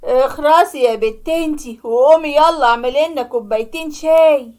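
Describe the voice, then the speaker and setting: A woman voicing a scheming middle-aged uncle in a cartoon story, smooth-talking, with an Egyptian accent. The voice stays high. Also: expressive, normal speed. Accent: Egyptian Arabic.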